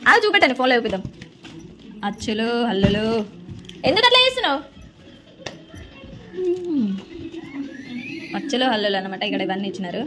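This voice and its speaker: Brisk, bossy mother vlogging. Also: medium pitch, sing-song, over music. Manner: scolding, bossy with children. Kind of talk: casual home vlog. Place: home. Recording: noisy home recording.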